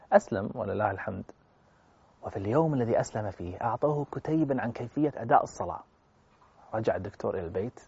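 Fast, husky-voiced male preacher. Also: mid-range voice. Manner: fervent, swelling loud at emotional peaks, addresses listeners directly. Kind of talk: religious storytelling talk. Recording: dull lo-fi recording.

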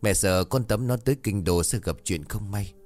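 A man's voice: lowish voice, normal speed, darkish tone, faint music behind, close to an everyday voice. A man voicing a stern middle-aged mother who practices magic and scolds her daughter. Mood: scolding.

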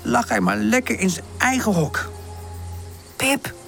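A woman reading a children's storybook aloud with gentle, expressive narration. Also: mid-range voice, moderate pace, gravelly, faint music behind. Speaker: audiobook narrator.

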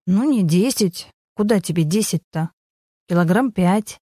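A grumbling young man who swings from pleading to shouting, as a woman reads him. The voice is mellow and dark, recorded dry and close in an audiobook. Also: mid-range voice, expressive, a little slow, breathy edge, dry recording. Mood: sulky. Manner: pleading then shouting, defensive. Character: blunt irritable young man, ex-husband.

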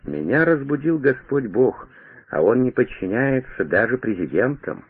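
A man voicing a gravely ill older male aide who speaks weakly and with effort, joking dryly, over a tinny radio broadcast. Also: mid-range voice, very animated, moderate pace, voice pushed up.

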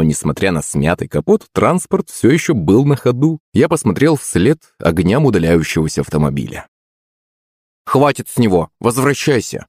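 A man with a deep, husky voice narrates a first-person audiobook. His delivery moves a lot in pitch and stays expressive. The sound is dry and close to the mic. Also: no room sound.

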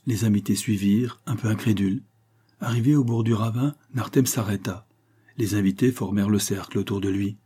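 A man reads a short story aloud, his voice low and husky. The telling is measured and even, with a mellow, dark tone. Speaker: narrator. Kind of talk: audiobook reading of a short story.

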